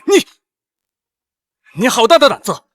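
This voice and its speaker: An actor playing a stern, angry emperor in a period costume drama, abrupt in speech. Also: male voice, mid-range voice, huge pitch swings, fairly quick, sharp tone, breathy edge, dry recording, exaggerated voice.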